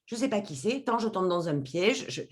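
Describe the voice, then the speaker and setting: Appearing as a podcast guest, a woman recounts a personal story in a mid-range voice with lively intonation at normal speed. She speaks expressively and acts out conversations, slipping into the voices of the people involved.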